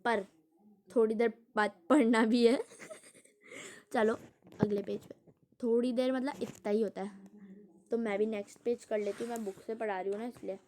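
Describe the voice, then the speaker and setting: A woman's voice: a little high, steady tone, normal speed, pauses often, mellow, slight background noise. A woman reading a picture book aloud in a casual, chatty way, stopping to explain words at length and laughing along with the story.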